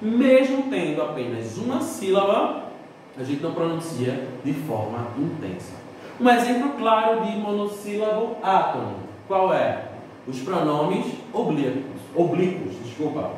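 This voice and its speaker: A man's voice: sits high, sing-song, a little slow, darkish tone. A man teaching a recorded Portuguese lesson to a school class, explaining step by step and posing questions that he answers himself. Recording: echoey room, distant mic, faint noise.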